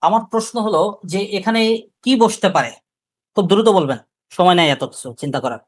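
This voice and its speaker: A man's voice: high voice, expressive, dry recording, studio quality. Male Bangladeshi tutor quizzing his class. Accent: Bangladeshi Bengali. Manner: asks the class questions, repeats key terms slowly. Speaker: teacher. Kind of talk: live grammar lecture.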